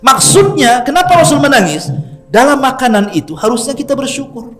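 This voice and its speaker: A middle-aged man, preaching in a lively, chatty storytelling style and joking with his listeners. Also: very high voice, brisk, soft background music. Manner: lively, chatty, jokes with the audience. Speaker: Islamic preacher. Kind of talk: storytelling sermon.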